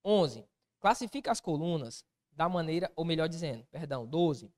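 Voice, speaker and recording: A man's voice: a little high, lively intonation, normal speed, darkish tone. A man teaching an exam-prep grammar lesson, asking himself questions as a student and answering them in casual slang.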